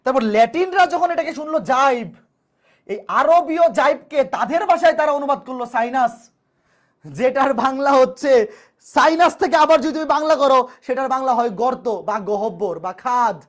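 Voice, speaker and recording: High-pitched voice, math teacher, online lecture, repetitive, rhetorical questions. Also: fairly quick. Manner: repeats points and asks rhetorical questions.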